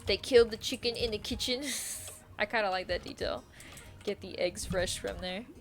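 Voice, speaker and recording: A woman's voice: mid-range voice, normal speed. A young woman streaming a game, chatting casually and rambling, with frequent giggles and casual swearing. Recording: faint music behind.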